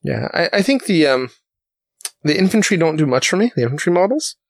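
A man's voice: fairly high pitch, sing-song, brisk, no room sound. A man hosting a casual podcast, talking in a rambling way with fillers and restarts. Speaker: podcast host.

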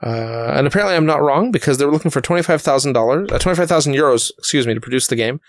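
A man's voice: on the high side, expressive, rapid-fire, dry recording. A man hosting a casual podcast, talking in a rambling way with fillers and restarts. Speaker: podcast host.

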